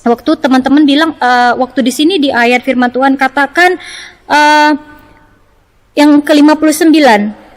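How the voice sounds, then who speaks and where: A woman with a Medan accent preaches a children's sermon. She keeps asking the children questions and checking back with them. Her high voice rings in a space with long reverb. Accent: Indonesian, from Medan. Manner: lively, asks children questions, frequent "ya". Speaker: Sunday school teacher. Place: church service streamed online.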